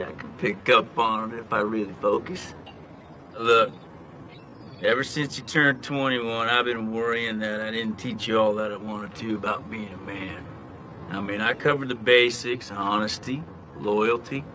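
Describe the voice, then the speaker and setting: A man's voice: on the low side, steady tone, bright, forceful tone, slight background noise. An actor playing a goofy, easygoing father who gives his grown son clumsy advice in a sitcom. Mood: fatherly. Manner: goofy, easygoing, slow on sarcasm. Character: laid-back dad living in a parking lot. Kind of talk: sitcom acting. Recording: faint music under the dialogue.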